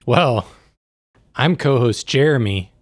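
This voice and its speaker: Lively, slow-talking male co-host. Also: mid-range voice, no room sound. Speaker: podcast co-host. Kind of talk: casual podcast chat.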